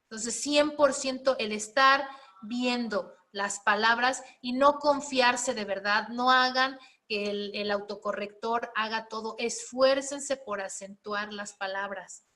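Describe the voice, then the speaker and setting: A woman takes her time, her voice high, pushed and bright, while running a spelling and writing class. She explains each point in sequence and frequently asks her students whether they're following.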